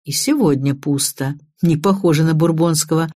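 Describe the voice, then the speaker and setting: A woman's voice: sits low, moderate pace, warm tone, no echo, clean studio sound. A woman reading the part of a chatty, playful male hacker colleague in an audiobook.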